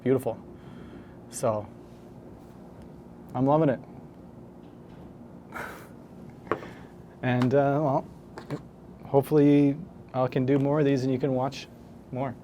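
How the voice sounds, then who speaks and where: A man's voice: medium pitch, steady tone, takes it slowly, long pauses, noisy background. A man talking casually to the camera as a home brewer, rambling and correcting himself as he goes. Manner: rambling, self-correcting, hesitant.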